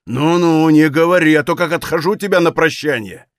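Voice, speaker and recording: A man's voice: medium pitch, expressive, normal speed, no room sound, studio quality, lightly acted. A man voicing a grim, hot-tempered Cossack officer who speaks coldly and threateningly. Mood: furious. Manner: cold, harsh, threatening.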